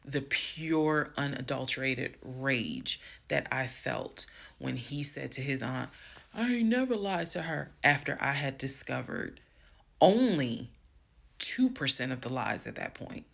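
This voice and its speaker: Animated woman with gravelly voice. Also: extremely low pitch, takes it slowly. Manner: animated, dramatic, talks straight to viewers. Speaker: storyteller. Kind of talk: casual storytime. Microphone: phone.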